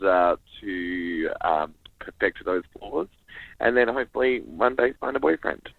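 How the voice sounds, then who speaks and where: Over a dull, close phone line, a man with an Australian accent chats as a comedian guest, camp and self-deprecating in this casual comic conversation. His pitch is fairly low, his pace measured, and there is vocal fry with no echo.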